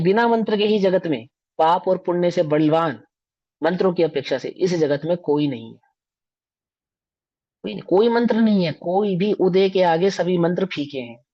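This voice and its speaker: A man's voice: high-pitched, mellow. Emphatic male scripture teacher, lo-fi. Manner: emphatic, rhetorical questions to listeners. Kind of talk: religious discourse lecture. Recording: dull lo-fi recording.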